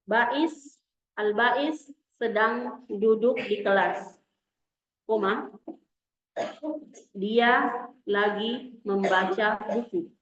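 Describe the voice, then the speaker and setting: Woman teacher giving a slow, patient lecture in a roomy space. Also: mid-range voice, fairly bright tone. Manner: slow and explanatory, repeating terms. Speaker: Arabic teacher. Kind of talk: classroom lecture. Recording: echoey room, dull lo-fi sound.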